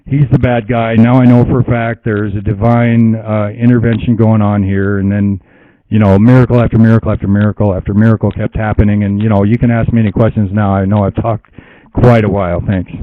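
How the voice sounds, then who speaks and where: A man's voice: fairly low pitch, level tone, a little fast. A man, the guest of an interview, telling a long personal story in a meandering way, laughing often and leaning on fillers. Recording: dry, dull lo-fi internet radio audio.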